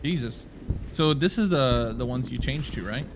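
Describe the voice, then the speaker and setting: A man's voice: mid-range voice, moderate pace, noisy background. A man live-streaming a game, chatting casually with viewers in a rambling way, swearing and laughing offhand. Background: game music.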